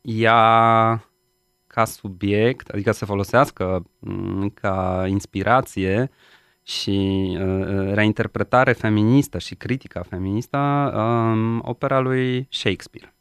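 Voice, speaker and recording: A man answering as a guest in a live radio interview, halting as he searches for words. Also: lowish voice, fairly even intonation, fairly bright tone, clear, resonant tone, no room sound, clean studio sound. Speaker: studio guest, festival project coordinator and interpreter. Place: radio studio. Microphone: studio microphone.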